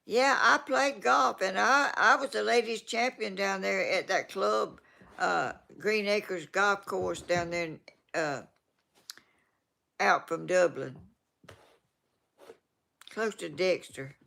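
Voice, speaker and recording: This Georgia Southern vlogger in her eighties chats loosely while reading her viewers' comments, often trailing off and picking back up. She speaks slowly at a medium pitch, her voice creaky yet bright and forceful, with long pauses.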